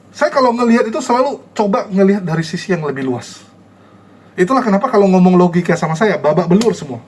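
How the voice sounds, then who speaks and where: With a slight hiss or hum in the background, a high-voiced man talks casually to his online audience. His tone is combative and mocking as he scolds and ridicules those he argues with.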